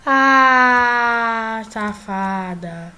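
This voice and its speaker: A gaming YouTuber with a Brazilian Portuguese accent gives casual, excitable gameplay commentary, often yelling at the game. Her voice is a little high and she draws out her words.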